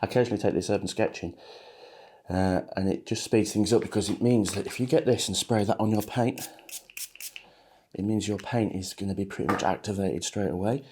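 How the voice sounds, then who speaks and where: A man giving a relaxed, chatty watercolour painting demonstration, talking loosely with plenty of ums as he paints. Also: fairly low pitch, normal speed, slight background noise. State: a bit shaky from coffee. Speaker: watercolour teacher.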